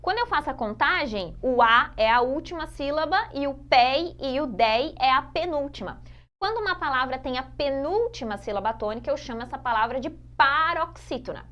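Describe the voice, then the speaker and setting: A Brazilian woman teaching a Portuguese grammar lesson for exam prep, explaining patiently, repeating key points and drawing out example words slowly. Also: sits high, animated, a bit bright, lo-fi sound. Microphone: phone.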